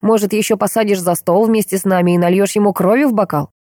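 A woman's voice: mid-range voice, fairly even intonation, fast talker, mellow, no echo, clean studio sound, close to an everyday voice. A woman voicing a middle-aged doctor, a strict and agitated father who speaks sharply and sternly. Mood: angry.

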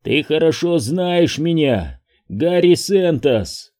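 A man voicing an eerie male spirit speaking through a small child, in a distorted, mechanical falsetto, slow and insistent, for an audiobook. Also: expressive, a little mellow. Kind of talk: audiobook reading.

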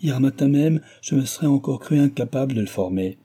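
A man voicing an impetuous young gentleman who pleads with ardent warmth. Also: mid-range voice, animated, a little fast, husky, voice pushed up.

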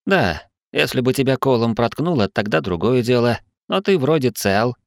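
A man voicing a cool companion with flat, dry sarcasm in an audiobook. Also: mid-range voice, moderate pace, creaky, no echo, voice pushed up. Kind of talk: audiobook character voice.

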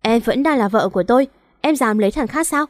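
Storybook young male director done by a woman, pleading and insistent, fairly high voice, dry close sound. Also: lively intonation, brisk, no room sound, lightly acted. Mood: angry. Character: young male company director, possessive then remorseful.

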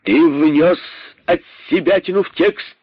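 A man's voice: fairly high pitch, slow, breathy edge, no room sound, voice pushed up. A man voicing a stern, accusing male rabbit king in a radio story reading. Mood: angry. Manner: angry, sarcastic, commanding. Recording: dull, dry radio recording.

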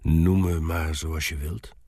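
A man voicing a shy, quiet young girl who speaks softly and timidly. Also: rumbling low, steady tone, takes it slowly, dry recording, heavily acted. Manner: soft, timid.

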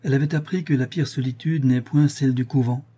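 A man narrating a classic novel as an audiobook, in a measured reading style. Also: medium pitch, fairly even intonation, dark tone, breathy edge.

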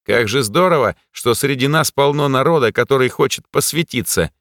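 A man puts on a squeaky, high young jester who plays with fire magic, his voice jumping well above the narrator's own. He sounds eager and insistent, close and dry with no room around him. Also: normal speed, a bit bright, dry recording. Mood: grumbling.

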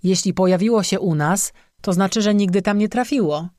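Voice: medium pitch, fairly quick, a little mellow, dry recording, clean studio sound, natural voice. A narrator voicing a weary young man who mutters curt replies in an audiobook. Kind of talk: audiobook character voice.

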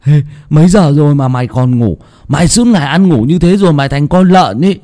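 A man voicing a chubby, loud, teasing village boy, shouting and joking. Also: fairly high pitch, expressive, fairly quick, pitched above the performer's own voice, close to an everyday voice. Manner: shouty, cheeky, laughing.

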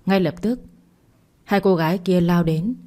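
A woman narrates a long family drama story in a steady, scripted reading. Her voice sits low and sounds mellow and warm rather than bright. She reads the characters' lines herself without taking on new voices. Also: measured pace.

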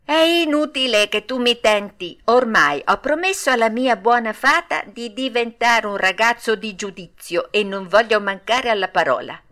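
A woman voicing Pinocchio, a naive wooden puppet boy, with dreamy drawn-out exclamations in an audiobook. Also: on the high side, expressive, bright, forceful tone. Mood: pleading. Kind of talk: audiobook character voice.

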